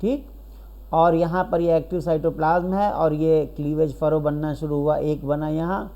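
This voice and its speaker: Man teacher with a warm, mellow voice, patient lecture style, asks and answers his own questions. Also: a little high, flat delivery, normal speed, dull audio. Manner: explains step by step, asks questions and answers them, keeps checking with "right?". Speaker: biology teacher. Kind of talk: recorded classroom lecture.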